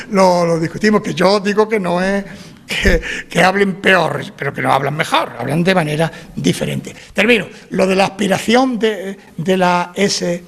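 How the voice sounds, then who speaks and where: A man's voice: high-pitched, gravelly, a bit bright. A man with an Andalusian accent giving an explanatory public talk at a book presentation, wandering off on side points and tagging remarks with a questioning "¿eh?". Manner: digressive, tags remarks with "¿eh?".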